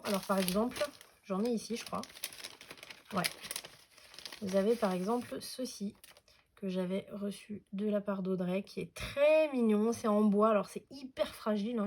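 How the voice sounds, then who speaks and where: A woman's voice: medium pitch, darkish tone, slight background noise. Chatty French-speaking woman crafting tutorial. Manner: chatty, hesitant with many fillers. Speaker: scrapbooking tutorial host.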